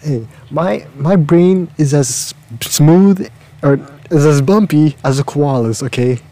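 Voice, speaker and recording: Mellow young man, stumbling speech. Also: a little high, slow pace, no room sound. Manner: stumbling, defensive, self-mocking. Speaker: podcast co-host and editor. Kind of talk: casual chat. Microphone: video call.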